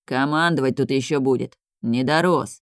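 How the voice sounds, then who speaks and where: A man's voice: a bit bright, dry recording, clean studio sound, lightly acted. A reader voicing a hot-tempered, foul-mouthed bearded older man who growls and swears. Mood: furious. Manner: growling, deep and slow.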